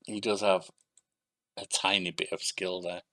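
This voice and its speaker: A man's voice: sits low, little pitch movement, unhurried, fairly bright tone. A young adult man giving casual let's-play commentary, narrating match action in short bursts and thinking aloud. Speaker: gaming YouTuber.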